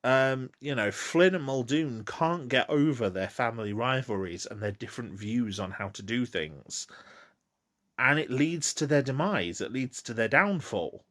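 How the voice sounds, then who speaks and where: A man's voice: medium pitch, animated, a little slow, a bit bright. A man hosting a solo podcast, talking through films casually with many ums and restarts. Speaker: podcast host. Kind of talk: casual solo film commentary.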